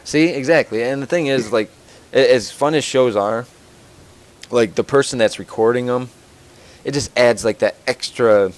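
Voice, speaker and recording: A man's voice: mid-range voice, normal speed. A young man hosting a casual podcast, answering listener questions in a rambling, joking way with many fillers and restarts. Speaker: podcast host.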